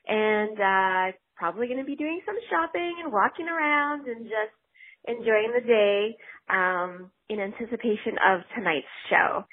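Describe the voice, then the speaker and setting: A woman's voice: fairly high pitch, breathy edge. A woman from Canada leaving an eager, chatty voicemail, heard over a landline phone. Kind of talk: casual phoned-in message. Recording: tinny, muffled phone line.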